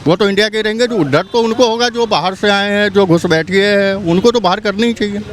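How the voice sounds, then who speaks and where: A man's voice: high voice, a little fast, crowd noise. A man from Bihar giving his opinion on the street in an emphatic, repetitive way. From Bihar, India. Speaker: interviewee. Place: outdoors on a city street. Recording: street traffic noise.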